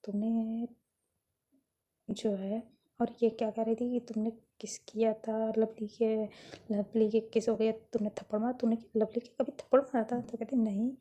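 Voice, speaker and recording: Woman telling a love story out loud, kinda breathy and soft toned, keeps going "so she says". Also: a little high, little pitch movement, moderate pace. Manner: retells dialogue with frequent "so she says", restarts. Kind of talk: casual spoken story narration.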